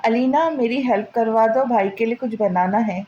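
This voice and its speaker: A woman voicing a loving young wife who gently coaxes and advises her sister-in-law. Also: a little high, moderate pace, muffled recording, a little hiss or hum, close to an everyday voice. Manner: gentle, coaxing.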